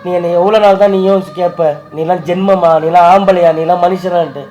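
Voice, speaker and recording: Tearful high-voiced man, fast talk. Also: steady tone, warm tone, muffled recording, a little hiss or hum. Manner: tearful, pleading and consoling. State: crying. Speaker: husband in a staged prank video. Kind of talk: emotional scripted couple conversation.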